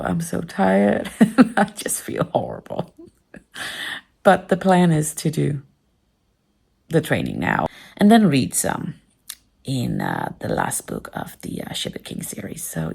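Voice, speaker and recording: A woman's voice: low-pitched, creaky, darkish tone, slightly rough, no echo. A woman chatting casually in a book vlog, self-deprecating and apologetic, filmed on a phone held at arm's length at home without an external mic. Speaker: book vlogger. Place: home, indoors.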